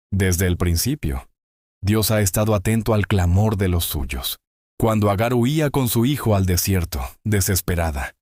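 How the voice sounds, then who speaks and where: A man giving scripted inspirational Bible narration in a solemn, measured way, drawing out key phrases slowly. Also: fairly low pitch, a little mellow, no room sound, studio quality. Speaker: devotional narrator.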